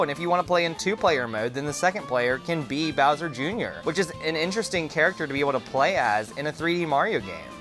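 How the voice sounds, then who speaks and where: A man who is a drag queen, giving a casual, opinionated game review in a campy, expressive, freely swearing manner. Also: a little high. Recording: music under the voice. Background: background music.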